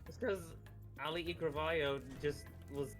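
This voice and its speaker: A man's voice: on the high side, moderate pace, music in the background. A man co-streaming a video game, chatting casually and riffing sarcastically. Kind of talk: casual chat over gameplay.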